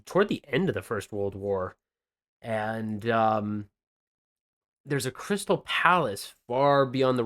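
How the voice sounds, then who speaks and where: On a podcast where he co-hosts and covers game news, a man with a lowish, fairly bright voice chats casually about games, rambling and peppering his talk with fillers and restarts.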